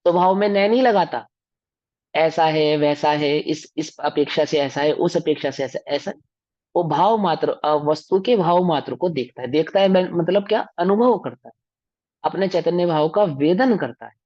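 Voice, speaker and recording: A man's voice: a little high, normal speed, a little mellow, dry recording. Guy teaching a scripture class, checks if everyone gets it, dull dry recording. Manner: explanatory, asks the class rhetorical questions.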